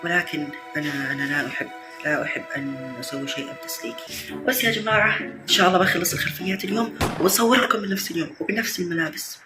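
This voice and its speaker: Music plays behind a young man whose high voice races along very fast. An amateur animator and vlogger with a Levantine Arabic accent, he keeps his video diary casual and self-mocking, occasionally lapsing into jokey formal Arabic.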